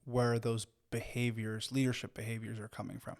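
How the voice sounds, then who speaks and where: Guy from mexico rambling through a story on a podcast, mid pitch voice, lots of ums and restarts. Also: level tone, moderate pace, vocal fry, a little mellow. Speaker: podcast co-host. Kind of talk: casual storytelling chat.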